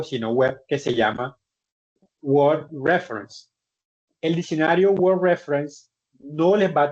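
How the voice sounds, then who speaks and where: A man's voice: a little high, darkish tone. A man teaching an English class online in Spanish, explaining step by step with patient repetitions and restarted words. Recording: dull lo-fi online class audio.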